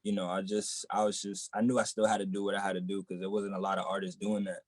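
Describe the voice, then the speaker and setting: A young man from the Boston area, a rapper in a relaxed interview, who keeps filling his talk with "you know what I'm saying.". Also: deep voice, quick pace, no echo. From Boston area, United States. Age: young adult. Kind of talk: casual interview chat.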